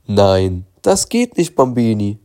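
A man's voice: on the low side, sing-song, takes it slowly, dark tone, full character voice. A man voicing a friendly waiter with a jovial, sing-song manner. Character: friendly Italian-flavoured male waiter.

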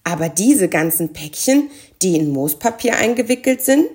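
A young girl from a storybook, practical and encouraging, with a high, eager voice, as a woman reads her. She speaks clearly and kindly. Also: very animated, normal speed, darkish tone, close to an everyday voice.

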